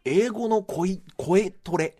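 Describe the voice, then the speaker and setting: A man's voice: high-pitched, slow, mellow. A man giving a chatty, explanatory music segment on the radio, with frequent asides. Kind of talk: casual radio talk.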